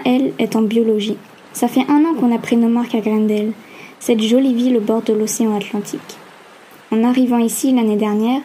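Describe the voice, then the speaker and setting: A woman narrating a first-person novel aloud in an even, steady reading. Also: a little high, slight background noise. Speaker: audiobook narrator.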